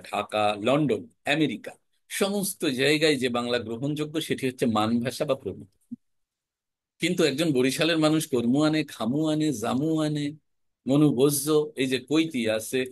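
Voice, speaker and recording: A man teaching an online class on spoken-word art, explaining in a measured, emphatic way with deliberate pauses. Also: mid-range voice, no echo. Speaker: recitation and voice teacher.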